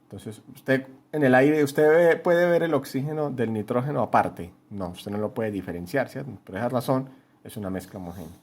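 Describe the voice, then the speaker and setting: A man's voice: medium pitch, normal speed, a little mellow. Patient male teacher checking understanding. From Colombia. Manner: explains patiently, often checks understanding with "¿cierto?"; writes on a board while talking. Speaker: chemistry teacher. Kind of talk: home-school lesson at a whiteboard.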